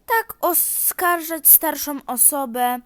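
A woman's voice: high voice, takes it slowly, fairly bright tone, pitched above the performer's own voice. A woman voicing a fussy elderly lady passenger who stalls and protests indignantly.

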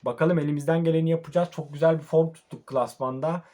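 A young man, sleepy late at night, commentating his own football video game match in a casual way, calm one moment and frustrated the next. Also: fairly high pitch, fast. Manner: casual, swings between calm murmuring and frustrated outbursts. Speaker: mobile football gamer. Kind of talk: live match commentary while playing.

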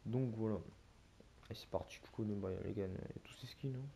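A man's voice: lowish voice, a little fast, gravelly, mellow, slight background noise. A young French man with a French accent giving loose, slangy commentary on a video game shop to his viewers, addressing them like friends. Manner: slangy, loose and rambling, talks to viewers as mates. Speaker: gaming YouTuber. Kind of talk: casual gameplay commentary.

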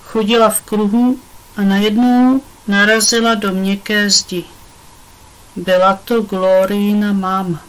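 A woman's voice: medium pitch, flat delivery, rough recording. Woman reading a children's audiobook. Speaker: audiobook reader.

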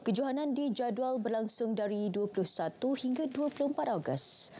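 A young woman presenting sports news in a TV studio, reading a script in a steady, formal newsreader delivery. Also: a little high, moderate pace, a little hiss or hum. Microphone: studio mic, seated at desk.

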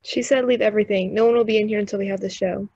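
A woman's voice: medium pitch, fairly even intonation, racing, mellow, husky, no echo, muffled recording. A young woman playing a bossy teen stage manager. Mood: uneasy. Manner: bossy, instructing. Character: bossy teenage girl, stage manager type.

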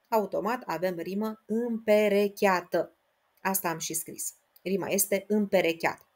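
A woman teaching an exam-prep language lesson, speaking straight to her students in a patient, explanatory way. She reads verse aloud very slowly and stresses each syllable, then checks that everyone is following. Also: mid-range voice. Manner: slow, spelled-out reading of verse lines, syllable by syllable; patient, addresses listeners directly with checks like "da?".

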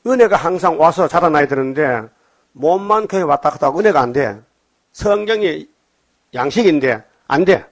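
Brief: older male pastor, slightly high voice, scolding sermon full of rhetorical questions. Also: animated, normal speed.

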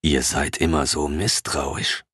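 A man voicing a calm, mysterious wandering man in an audiobook, speaking in a measured, quiet manner. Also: rumbling low, breathy edge, no room sound, clean studio sound, pitched below the performer's own voice, exaggerated voice. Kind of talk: audiobook character reading.

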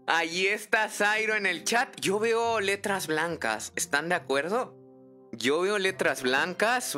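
A man streaming a game live, chatty and excitable, thinking aloud and greeting viewers in the chat by name. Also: mid-range voice. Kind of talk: casual live-stream chat while gaming.

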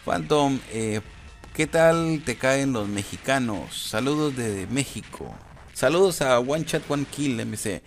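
A YouTuber from Guatemala answers viewer questions in a casual chat over gameplay footage, talking informally and hesitantly with slang and repetition. His medium-pitched voice is expressive and slow, and background noise is clearly audible.

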